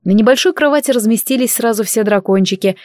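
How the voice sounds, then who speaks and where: A woman reading a fantasy novel aloud as an audiobook narrator in steady storytelling. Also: on the high side, quick pace, no echo, studio quality. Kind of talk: scripted narration.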